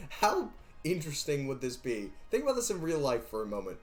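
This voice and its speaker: A man's voice: medium pitch, huge pitch swings, fast talker, a little mellow, faint music behind. A young man streaming a game, chatting casually, rambling and joking as he counts eggs and sings to himself. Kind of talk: casual live-stream chatter while gaming.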